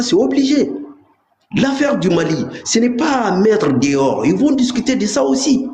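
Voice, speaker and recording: A man's voice: high voice, a little mellow. Emphatic man in an echoey room. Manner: emphatic and insistent. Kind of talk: live political commentary. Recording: echoey room with faint noise.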